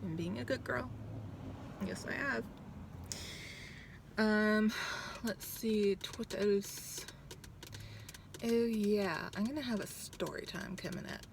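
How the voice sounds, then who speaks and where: Speaking slowly with vocal fry in a mid-range voice, this thirtysomething vlogger pauses often as she chats. She's recording outside a doctor's office, talking bluntly, cursing freely and saying um a lot, with a little noise in the background.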